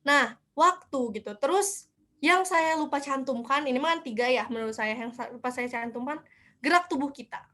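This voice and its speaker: A woman's voice: high-pitched, moderate pace, bright, forceful tone. A young woman giving a casual online lecture, chatty, asking herself questions and answering them. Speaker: speaker at a student seminar.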